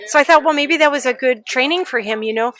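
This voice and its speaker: A woman telling lively, laughing stories about her cat in a casual interview. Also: sits high, fast talker. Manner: animated, laughing storyteller. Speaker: interviewee, pet owner. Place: outdoor adoption event.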